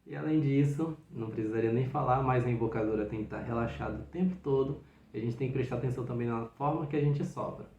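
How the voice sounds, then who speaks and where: A man's voice: medium pitch, fast, few pauses, darkish tone, dull audio, slight background noise. Patient man teaching, roomy sound. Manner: patient, encouraging step-by-step explanation. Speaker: flute teacher. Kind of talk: instructional video. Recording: roomy echo.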